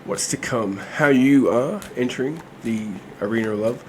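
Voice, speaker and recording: A man's voice: mid-range voice, moderate pace, slight background noise. A man giving a casual, chatty tarot reading, his voice nasal and congested from a cold. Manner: relaxed, chatty, many fillers. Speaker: tarot reader.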